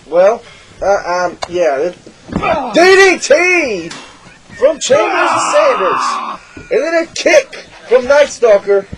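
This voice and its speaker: High-voiced excitable wrestling commentator, man. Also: rough recording. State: losing his voice. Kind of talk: play-by-play commentary of a backyard wrestling match.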